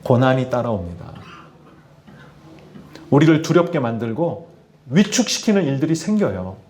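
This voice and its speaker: A man's voice: mid-range voice, normal speed. A middle-aged male pastor preaching a sermon to his congregation, often asking them questions. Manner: addresses congregation with questions, lively emphasis. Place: church in Tianjin, China.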